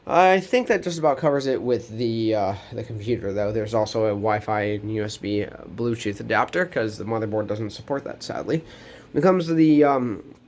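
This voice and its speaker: His voice on the low side and a little mellow, a teenage boy talks at normal speed in a casual vlog from his bedroom. Nasal while getting over a cold, he rambles, restarts and ums frequently as he moves around the camera mic.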